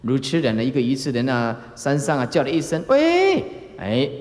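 A man giving a Buddhist sermon as a dharma master, full of filler sounds and acted-out calls. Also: fairly quick. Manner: animated, acts out examples with sudden high calls; frequent filler particles like "ah" and "eh". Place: lecture hall. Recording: roomy lecture hall reverb.

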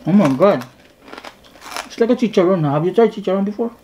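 A woman's voice: medium pitch, animated, quick pace, noisy background. A woman with a Filipino accent hosting a casual food vlog, mixing English and Tagalog and talking to viewers as guys. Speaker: vlogger host. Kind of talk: casual mukbang vlog chat.

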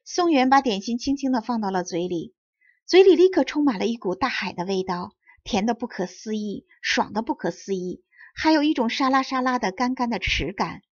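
A woman narrating a children's fairy tale in a soft, lilting storytelling voice. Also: a little high, animated, moderate pace, dry recording, muffled recording. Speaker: audiobook narrator.

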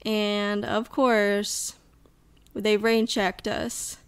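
A woman's voice: medium pitch, flat delivery, very slow, smooth. A woman co-hosting a casual podcast from her couch at home, chatting and venting. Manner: chatty, exasperated venting with laughter. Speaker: podcast co-host. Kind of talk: casual chat. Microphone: home podcast mic.

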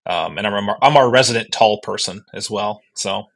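A man's voice: lowish voice, normal speed, creaky, fairly bright tone, slightly rough. A man speaking as a podcast guest, easygoing and joking as he explains his work. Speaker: podcast guest, analytics executive. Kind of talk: casual interview.

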